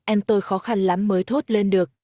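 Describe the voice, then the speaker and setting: Woman storyteller, mellow low-lit tone, steady even delivery, dry close mic. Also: a little fast, no echo. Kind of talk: story narration.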